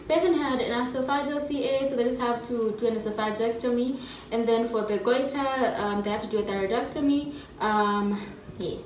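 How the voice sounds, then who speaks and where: A woman's voice: fairly high pitch, darkish tone, a little hiss or hum. A woman in her twenties, a medical student, rambling in a casual vlog with many ums and restarts. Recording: echoey room, distant mic, faint ambience.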